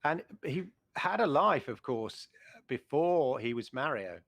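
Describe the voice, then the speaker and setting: A man's voice: medium pitch, lively intonation, measured pace, a bit bright, no echo. A middle-aged man co-hosting a retro gaming show, chatting with enthusiasm and rambling through restarts. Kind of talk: casual chat.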